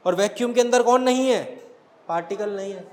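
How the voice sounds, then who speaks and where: High-voiced male teacher in an echoey room. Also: a little fast, darkish tone. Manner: asks the class questions and answers them himself. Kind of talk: classroom lecture.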